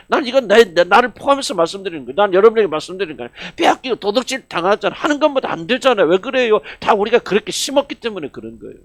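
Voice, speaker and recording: During a church service, a man who is the senior pastor preaches an emphatic sermon full of rhetorical questions. His voice sits high and swings between loud exclamations and hushed asides.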